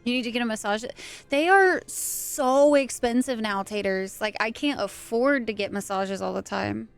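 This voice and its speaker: A young woman streamer with a smooth, fairly high voice talks casually and playfully as she plays. Faint game music sits behind her. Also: moderate pace. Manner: chatty, playful, swears casually. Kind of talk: casual live-stream chat and game reactions.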